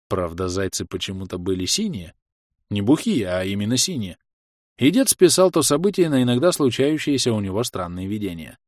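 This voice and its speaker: A man's voice: medium pitch, dry recording, studio quality. A man reading an audiobook in an ironic, dramatic storytelling manner. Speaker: audiobook narrator. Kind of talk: expressive audiobook narration.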